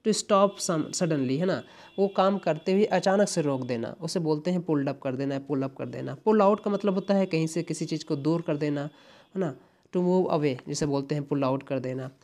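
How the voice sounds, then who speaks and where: Speaking at a normal speed, a man with a darkish tone and a voice on the high side runs an exam-prep English lesson. He goes step by step, repeats the key words, and leans on tag questions often.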